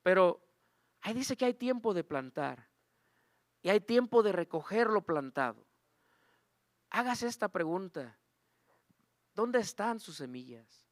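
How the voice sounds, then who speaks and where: Man, preacher, high voice, earnest sermon testimony, dry close sound. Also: sing-song, a little slow, long pauses, no echo. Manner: earnest storytelling, addresses church as brothers and sisters.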